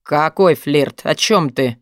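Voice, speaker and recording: A woman voicing a gruff, possessive young man who talks in a low, husky murmur in an audiobook. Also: slow pace, no echo, clean studio sound. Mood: brooding. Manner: pressing, intense, murmured. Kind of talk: audiobook narration.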